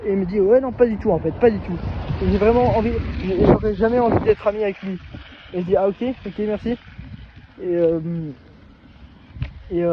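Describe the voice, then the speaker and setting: Male vlogger, high voice, halting casual storytelling, muffled lo-fi sound. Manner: hesitant, halting, many restarts. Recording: dull lo-fi recording.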